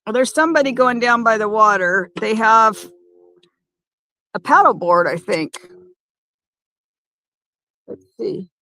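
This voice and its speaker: A woman chatting casually on a phone livestream by a lake, talking in halting, rambling bursts with many restarts. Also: on the high side, expressive, bright, forceful tone, no echo. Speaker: van-life vlogger. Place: parked by a lake.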